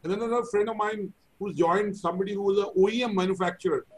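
High-pitched middle-aged Indian-accented man. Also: fairly even intonation, fast talker, a little hiss or hum. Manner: chatty, anecdotal, self-deprecating. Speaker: interview host. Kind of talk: conversational interview. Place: indoor room, video call. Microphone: video call.

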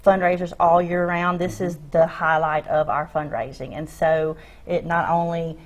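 A woman's voice: lowish voice, level tone, moderate pace. A woman, a school parent association president speaking upbeat on a TV interview, on a lapel mic. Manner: upbeat, promotional. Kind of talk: TV studio interview. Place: TV news studio set, seated.

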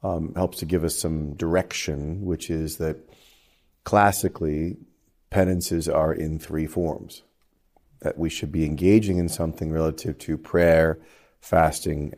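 A man's voice: rumbling low, mellow. A man who is a priest co-hosting a podcast, talking in an easygoing, teaching way and laughing often. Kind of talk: casual conversational podcast.

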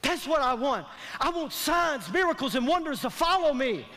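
A pastor in his thirties, with an extremely high-pitched voice, preaches a sermon at normal speed from a large indoor church auditorium stage. His folksy delivery is animated, emphatic, repetitive and colloquial, calling for audience response. The stage sound system leaves a long hall reverb.

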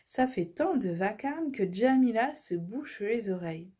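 Breathy woman reading a children's story. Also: mid-range voice, measured pace. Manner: lively, expressive.

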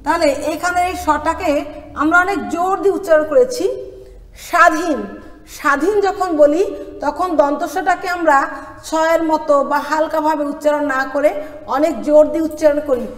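Woman lecturer from Bangladesh, high voice, deliberate question-and-answer teaching, echoey hall sound. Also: steady tone. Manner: slow, emphatic, asks questions then answers them. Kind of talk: classroom pronunciation lesson.

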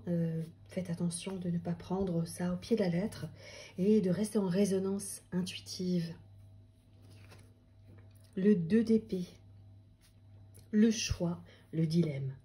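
A woman's voice: on the low side, warm tone. A woman giving a conversational tarot reading to viewers, reflective and instructive, speaking in short phrases. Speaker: tarot reader and intuition coach.

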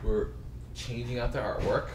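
A man's voice: mid-range voice, fairly even intonation, normal speed. A man in his thirties, an interior designer, walking someone through a redesigned spa and explaining the changes with enthusiasm and lots of fillers like "um" and "kinda.". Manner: enthusiastic, gesturing, filler-heavy. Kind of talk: walkthrough tour explanation. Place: indoor spa salon, echoey rooms. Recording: echoey rooms with room noise.

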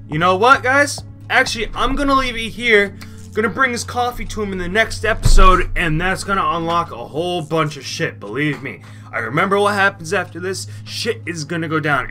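Hyped up gamer guy, swears a lot, bright voice that jumps all over. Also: high-pitched. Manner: excitable, jokey, swears freely. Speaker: gaming video host. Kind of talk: let's play commentary.

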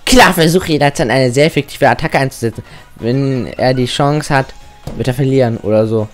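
A man's voice: mid-range voice, brisk, faint music behind, lightly acted. A man reading aloud the lines of an eager teenage boy rival trainer in a game, earnest and keen.

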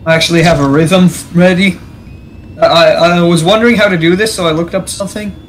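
A man's voice: sits high, steady tone, brisk. A young man chatting casually while gaming, in a brash, joking way. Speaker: gamer, friend of another player. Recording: noisy gaming mic, background clicks.

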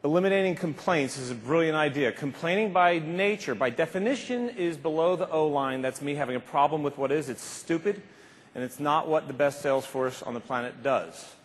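Brisk and slightly rough, with a voice on the high side, a man in his fifties gives an emphatic, informal keynote meant to motivate, repeating phrases for effect. He is on a big indoor conference stage with a lapel mic, and the reverberant hall makes his speech slightly muffled.

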